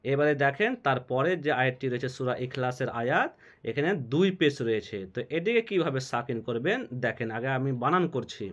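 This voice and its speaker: Male recitation teacher, fairly high voice, slow drawn-out delivery, dull lo-fi recording; spells letters, then chants. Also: fairly bright tone. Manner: asks questions and answers them himself, slow drawn-out melodic recitation.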